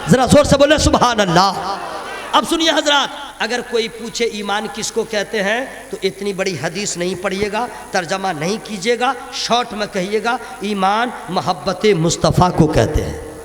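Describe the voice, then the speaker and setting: A man preaching a fiery sermon to a crowd, swinging from quiet talk to loud shouting and calling on the listeners to respond. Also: high voice, animated, normal speed, a little hiss or hum. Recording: long reverb from a big echoey venue.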